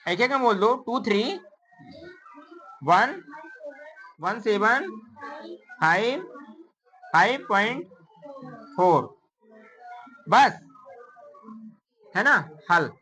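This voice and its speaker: A woman's voice: mid-range voice, animated, very slow, pauses often, bright, forceful tone, soft background music, poor audio. Woman teacher counting aloud to pupils. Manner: counts digits aloud and quizzes students with repeated questions; calls pupils "beta" in a coaxing tone. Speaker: math teacher. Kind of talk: classroom lesson. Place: classroom.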